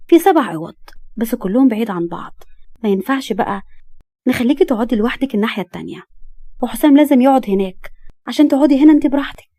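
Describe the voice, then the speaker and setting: A woman's voice: fairly high pitch, warm tone, no echo. A woman voicing a cheerful, chatty young woman with an Egyptian accent. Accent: Egyptian Arabic. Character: cheerful, lonely young woman, friendly sister.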